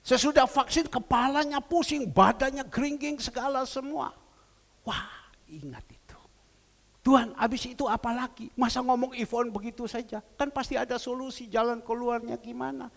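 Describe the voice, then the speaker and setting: High-pitched man preaching in a church hall. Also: moderate pace, creaky. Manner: animated storytelling, acting out phone calls in dialogue. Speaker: pastor. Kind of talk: sermon.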